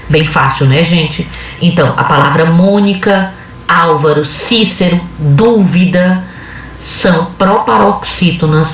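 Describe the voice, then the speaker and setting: A woman's voice: sits low, a little hiss or hum. Casting: woman teacher, patient step-by-step explainer, heard from a distance in a very echoey room. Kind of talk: video lesson.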